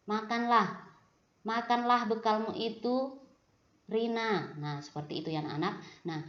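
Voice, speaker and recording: A primary school teacher talking patiently to her pupils in a recorded lesson, repeating her phrases. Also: mid-range voice. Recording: roomy, dull lo-fi sound.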